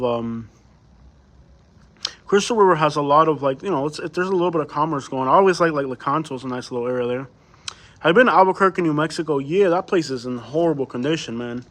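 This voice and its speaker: Here a Cuban man hosts a livestream in a slightly high, brisk, fairly bright voice. A native Spanish speaker, he chats informally and answers live comments from viewers, with rhetorical questions sprinkled throughout.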